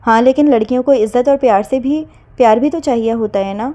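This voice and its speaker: A young heroine in an audio novel, tearful and protesting, her voice lifting higher than the narration and wobbling as she pushes back, as a woman reader puts her on. The tone stays mellow and soft-edged. The reading is unhurried. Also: lo-fi sound, lightly acted. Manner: shaky, protesting, on the verge of tears.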